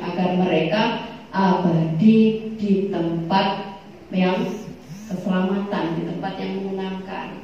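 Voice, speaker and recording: A woman leads a religious study class in a chatty, teasing way, with joking asides. She reads Arabic passages slowly before she explains them. Her voice sounds far from the mic and muffled, and it rings through a large, very echoey hall. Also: medium pitch, a little mellow, slight background noise. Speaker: religious teacher. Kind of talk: religious study lecture to women.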